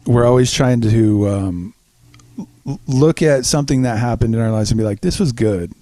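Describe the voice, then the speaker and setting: A man's voice: medium pitch, normal speed, dark tone, no room sound, clean studio sound. Easygoing reflective male co-host. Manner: reflective, easygoing, brief agreements. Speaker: podcast co-host. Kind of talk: casual podcast chat.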